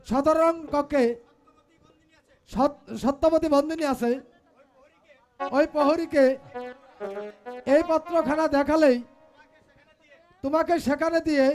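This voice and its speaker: An actor playing an authoritative royal commander in Bengali jatra folk theatre, with brisk, declamatory delivery. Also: male voice, very high voice.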